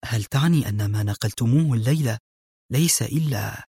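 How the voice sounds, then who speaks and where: A shy young female agent asks earnest questions, as a man reads her lines. The voice is husky with a close, dry sound. It comes from an audiobook thriller. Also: medium pitch, a little fast, warm tone, no room sound, lightly acted. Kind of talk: audiobook narration.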